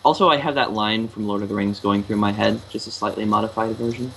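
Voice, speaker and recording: A man chatting casually, enthusiastic and quick to laugh. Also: on the low side, fairly even intonation, gravelly, a bit bright, slight background noise, rough recording. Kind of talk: casual group chat.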